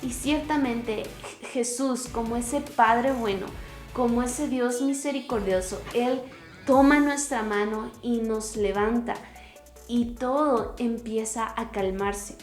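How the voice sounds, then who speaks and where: A woman's voice: a little high, fairly even intonation. Earnest woman teaching in a roomy space. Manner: earnest, emphatic storytelling with pauses and restarts. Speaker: podcast host and Bible teacher. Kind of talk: devotional teaching. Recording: roomy echo with faint music.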